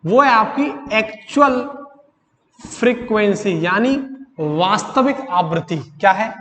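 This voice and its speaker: A man with a fairly high voice teaches physics in a Hindi accent. He keeps asking the class to repeat each key term and stretches the important words out slowly. The sound rings with a long echo from the classroom walls. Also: animated, fairly bright tone, slight background noise. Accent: Hindi-accented English. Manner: drawls out key terms slowly. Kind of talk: classroom lecture. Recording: echoey classroom, reverberant.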